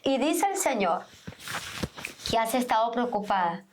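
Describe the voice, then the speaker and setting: A woman's voice: fairly high pitch, sing-song, measured pace, slight background noise. A middle-aged woman pastor, a podcast guest, telling her personal faith testimony earnestly and acting out the dialogue as she goes. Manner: earnest storytelling, reenacts dialogue.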